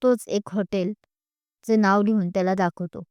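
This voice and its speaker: Mellow, smooth woman storyteller. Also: medium pitch, a little slow, dry recording. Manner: steady, expressive storytelling. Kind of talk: audio story narration.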